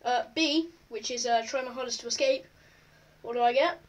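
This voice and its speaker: A woman with a high voice chats casually through an online quiz, reading each question aloud and answering offhand. She sits a little back from the microphone, so her voice carries some distance. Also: normal speed. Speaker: vlogger. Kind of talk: casual chat while taking an online quiz.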